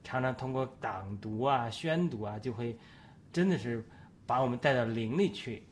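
A man's voice: medium pitch, normal speed, slight background noise. Preacherly male talk show host. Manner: explains at length, citing scripture like a preacher.

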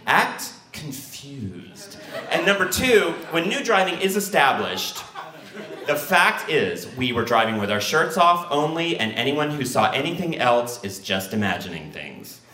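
A man telling a personal true story in an animated, excitable way. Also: unhurried, reverberant. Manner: animated, excitable, acts out quotes with big pitch jumps.

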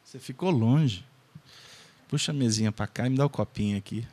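A man's voice: medium pitch, a little fast, darkish tone. A man with a Brazilian accent presenting a spiritist study group, giving an informal lecture in a joking manner and checking in with his audience. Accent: Brazilian Portuguese.

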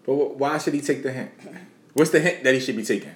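Quick teasing man co-hosting. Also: mid-range voice. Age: 30s. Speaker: co-host. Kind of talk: casual chat. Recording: echoey room.

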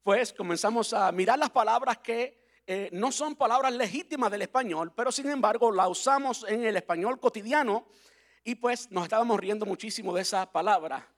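Man, pastor, chatty sermon, spells out words, high voice. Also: normal speed. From Cuba.

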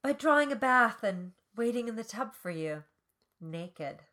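A woman's voice: a little high, expressive, a little slow, sharp tone, voice pushed up. A woman reading the lines of a nervous young woman covering a lie. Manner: small, careful voice.

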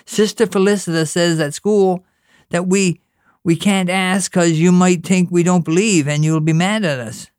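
Reading fiction aloud, a narrator takes on the voice of an earnest young boy who prays with pleading questions and orders his little brother around, sounding high, childlike and imploring. The delivery is lightly acted at a measured pace with fairly even intonation and a slightly mellow quality. The recording is clean, dry and studio-grade.

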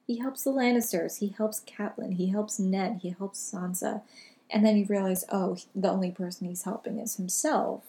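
A woman's voice: medium pitch, fairly even intonation, moderate pace, mellow. A woman co-hosting a casual chat, easygoing and agreeable, often backing her partner up. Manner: easygoing, agreeable, frequent short affirmations. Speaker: podcast co-host.

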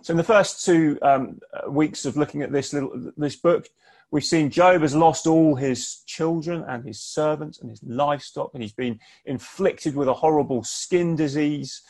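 Male preacher, fairly high voice, measured and conversational, pauses to let lines land. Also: creaky, a little mellow. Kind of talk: sermon. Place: home, preaching online.

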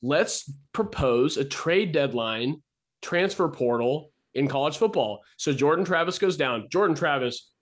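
A man's voice: fairly high pitch, animated, a little slow. A man co-hosting a casual sports podcast, joking and sarcastic in his banter. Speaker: podcast co-host.

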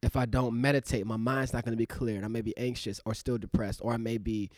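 Here the actor, in his thirties and co-hosting a podcast, talks fast in a medium-pitched, level, darkish voice. His casual reflective chat rambles loosely with many fillers, captured with studio quality and no room sound.

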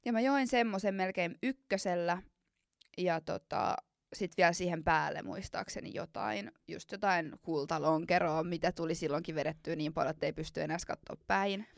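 A young woman chats casually, spinning a funny story with filler words and bursts of laughter. Her voice carries a gravelly fry, recorded close and dry. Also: lowish voice, dry recording. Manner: laughs while telling embarrassing stories, many fillers.

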